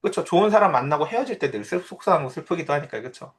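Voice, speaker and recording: A man's voice: on the high side, animated, very fast. A man in his thirties, a pastor, giving a conversational sermon and telling personal stories. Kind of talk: sermon with Bible reading.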